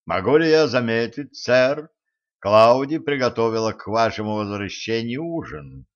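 A man's voice: medium pitch, moderate pace, dull audio, lightly acted. A man voicing a polite, formal male servant who is a shape-shifting bat. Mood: courteous. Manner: courteous, formal.

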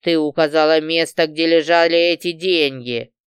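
A woman voicing a furious, crude male gangster who snarls threats in a loud, lowered voice. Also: steady tone, moderate pace, clear, resonant tone, dry recording, clean studio sound, natural voice. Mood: angry threats. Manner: snarling, swearing.

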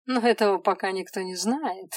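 A smug young man who has just betrayed his partner, read by a woman. His tone is mocking and a bit lower and calmer than the narration. The sound is dry and close. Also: normal speed, no room sound, recorded from a distance, natural voice.

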